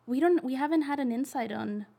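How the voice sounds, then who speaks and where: A woman co-hosts a podcast with a somewhat high voice. She sounds upbeat and eager while chatting casually with her guest. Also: brisk, vocal fry, mellow, slightly rough. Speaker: podcast co-host. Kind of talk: casual interview chat.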